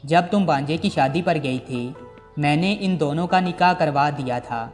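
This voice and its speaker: A man's voice: on the high side, moderate pace, close to an everyday voice. A stern, fair-minded older uncle, as a male storyteller reads him. His reproachful lines ring in a long reverb with music beneath them.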